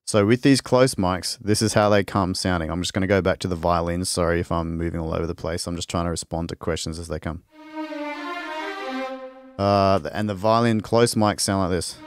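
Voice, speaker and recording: Faint music sits behind a man's low, steady voice as he casually shows off a string sample library during a live stream. He talks a little fast, loose and rambling, restarting sentences while he works and fields questions, with studio quality and no echo.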